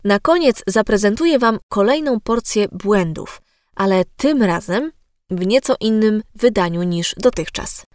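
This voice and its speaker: A woman hosting an educational podcast as a voice coach, speaking in a measured way directly to the listener. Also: medium pitch, animated, darkish tone, no echo, studio quality.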